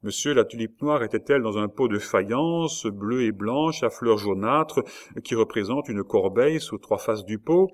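A man's voice: lowish voice, normal speed, close to an everyday voice. Brief: man doing a bold young tulip grower, pleading and insistent, audiobook reading.

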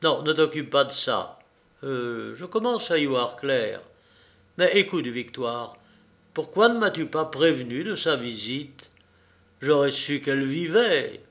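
A man voicing a cool, ironic gentleman hero. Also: medium pitch, animated, measured pace. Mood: stern questioning. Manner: firm, sardonic, raised voice. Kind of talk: audiobook reading.

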